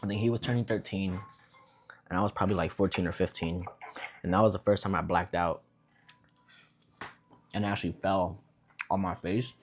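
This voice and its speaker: A man's voice: deep voice, steady tone, moderate pace, long pauses, slight background noise. A young man who grew up in Vietnam, chatting casually in a laid-back, rambling way while eating at home. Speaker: vlogger. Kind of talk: casual eating vlog chat.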